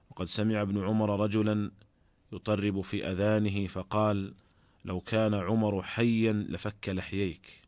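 Low-voiced man giving a measured radio lesson. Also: darkish tone, no echo. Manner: measured, deliberate reading. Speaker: Islamic scholar teaching jurisprudence. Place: radio studio.

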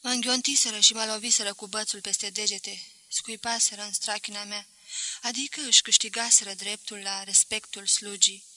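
A woman narrating a novel as an audiobook reader, in a measured, expressive way. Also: medium pitch, no room sound, poor audio. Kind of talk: scripted narration.

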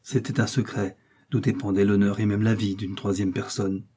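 A man narrating a classic novel in a measured, expressive audiobook reading. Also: on the low side, husky.

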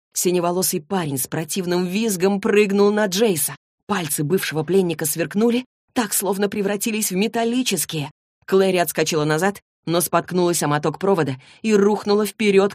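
Low-voiced woman narrating an audiobook. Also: moderate pace, darkish tone, no echo, clean studio sound.

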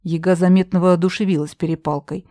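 A woman narrating a fantasy audiobook in an even storytelling read. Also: lowish voice, fairly quick, dry recording, studio quality.

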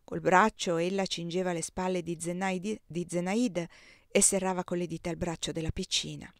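A woman narrating a novel in the first person as an audiobook reader, in a steady, even reading voice. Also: lowish voice, normal speed, no room sound, clean studio sound.

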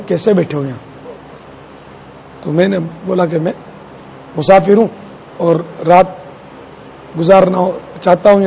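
A man's voice: high-pitched, creaky, warm tone, dull audio, a little hiss or hum. A man preaching in a conversational storytelling style, addressing his audience. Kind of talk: sermon storytelling.

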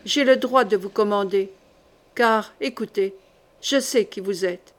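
A woman's voice: medium pitch, measured pace, close to an everyday voice. A woman reading as a feverish, ambitious duke. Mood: firm. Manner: urgent, feverish pleading. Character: passionate ambitious duke, grown man.

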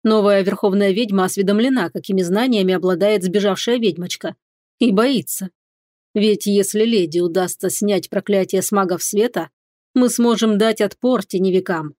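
A woman reading a fantasy audiobook in the first person, telling the story in a clear, even way. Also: mid-range voice, moderate pace, no room sound, studio quality. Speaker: audiobook narrator.

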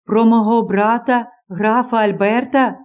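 A woman's voice: a little high, fairly even intonation, a little slow, a little mellow, lightly acted. A woman reading a strange, moody young man. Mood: earnest.

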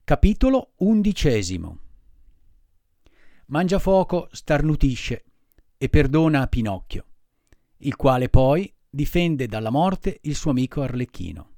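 A man reads a classic children's novel aloud, taking his time over each phrase while his voice rises and falls with lively expression. The sound is dry and close, with no room around it. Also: mid-range voice, creaky, no room sound. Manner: expressive, measured storytelling. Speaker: audiobook reader.

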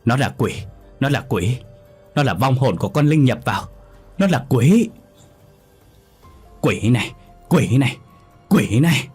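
A man's voice: lowish voice, expressive, normal speed, pauses often, breathy edge, faint music behind. A man voicing a terrified old grandmother who stammers and shrieks in panic. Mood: hysterical.

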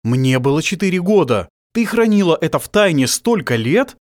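A man's voice: a little high, sing-song, normal speed, dry recording, clean studio sound, pitched above the performer's own voice. A male audiobook reader voicing a stunned, earnest young man pressing urgent questions. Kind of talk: audiobook character voice.

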